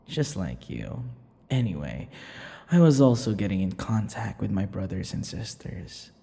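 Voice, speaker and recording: In an intimate ASMR roleplay, a man voices a possessive vampire lover, teasing and menacing yet animated and warm, with a doting, casual mood. He murmurs slowly in breathy tones, drawing out his words and letting out low chuckles. The recording carries a long reverb and faint background noise.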